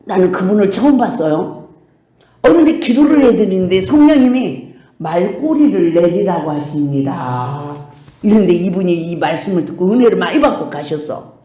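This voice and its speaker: A woman pastor giving a sermon, telling stories with lively, acted-out quotes. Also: on the low side, moderate pace, roomy sound. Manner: animated storytelling, acting out quoted voices. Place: church sanctuary.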